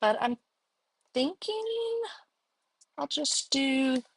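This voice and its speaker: A woman's voice: high-pitched, big pitch swings, drawn-out words, no echo. A woman with a Texas accent hosting a casual card-making demo, chatting and thinking aloud as she works. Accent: Texan. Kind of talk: casual live crafting demo.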